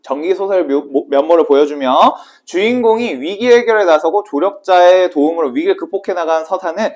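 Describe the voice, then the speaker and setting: A man with a fairly high voice teaches literature in a brisk, chatty way. He keeps firing questions at the class and answers them himself before moving on. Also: a little mellow. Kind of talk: exam prep lecture.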